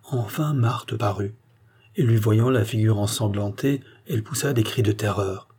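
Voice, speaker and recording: Brief: male audiobook narrator, steady scripted narration of a detective novel, warm, breathy edge. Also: fairly low pitch, normal speed.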